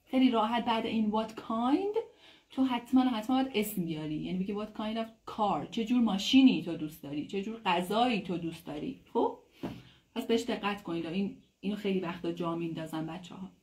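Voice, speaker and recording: A woman who speaks Persian natively, giving a casual English lesson, explaining in a chatty way and saying English phrases slowly and clearly. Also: mid-range voice, a little mellow. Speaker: English teacher. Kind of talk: casual online language lesson.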